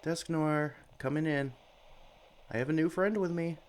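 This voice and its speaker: Speaking a little slowly in a fairly high, natural voice, a male voice actor portrays a friendly, experienced Pokemon sanctuary worker. He shows a newcomer around in this one-sided ASMR roleplay, gently encouraging and chatty in an upbeat mood, cooing to the creatures as he goes.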